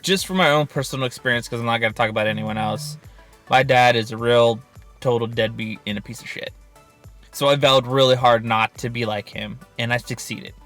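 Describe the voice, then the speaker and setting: A man's voice: medium pitch, brisk, fairly bright tone, soft background music. A man co-hosting a casual mukbang chat, candid and easygoing, swearing freely. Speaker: mukbang co-host.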